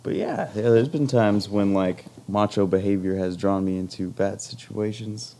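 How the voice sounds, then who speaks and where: Gravelly Southern young man, hesitant. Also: on the low side, steady tone, normal speed, dark tone, a little hiss or hum. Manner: hesitant, repeats words, says "like" often. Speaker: podcast co-host. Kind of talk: casual comedic podcast chat.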